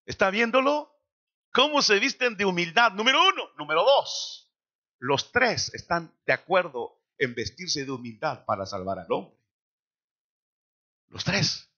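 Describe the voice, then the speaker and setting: A man preaching a sermon in a church, slowing down dramatically for quoted lines. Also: sits high, sing-song, sharp tone, lo-fi sound. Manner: dramatic preaching with slow emphatic quotations. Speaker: pastor.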